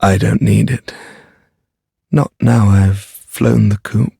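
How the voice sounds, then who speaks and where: A man with a British accent playing a cynical, fatalistic undead deserter in a dark fantasy game, his voice husky and his delivery dry, drawling and sardonic. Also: on the low side, fairly even intonation, slow, no room sound, full character voice. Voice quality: gravelly, husky.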